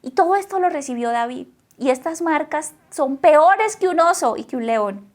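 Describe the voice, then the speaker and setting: High-voiced woman preaching a sermon. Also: animated, moderate pace. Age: adult mother. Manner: emphatic, repeats phrases, asks the listeners questions.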